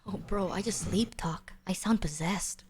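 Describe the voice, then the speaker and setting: A woman's voice: mid-range voice, measured pace, darkish tone, a little hiss or hum. A woman streamer whispering in chatty, casual conversation.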